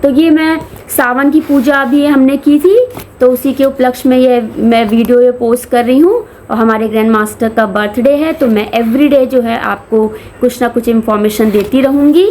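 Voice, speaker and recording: A woman spiritual teacher explaining meditation and chanting to a camera, mixing Hindi with English phrases and slowing down on key terms. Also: high voice, darkish tone, a little hiss or hum. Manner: chants demonstrations mid-explanation.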